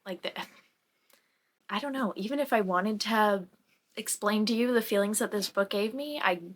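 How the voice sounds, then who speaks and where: A young woman in a casual reading vlog, chatty and gushing, at times speaking softly. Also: medium pitch, normal speed. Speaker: book vlogger.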